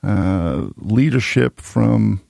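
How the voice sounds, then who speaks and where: A man's voice: on the low side, very slow, creaky, a little mellow, no room sound, clean studio sound. A man in his sixties hosting a radio talk show, asking long, rambling questions full of restarts. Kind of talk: radio interview. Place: radio studio. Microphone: studio microphone.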